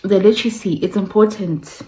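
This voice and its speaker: Hosting a video essay online, a woman speaks briskly in a steady, mellow, medium-pitched voice, captured on a rough recording. Her delivery is chatty, with playful asides, emphatic repetition, and passages read out loud.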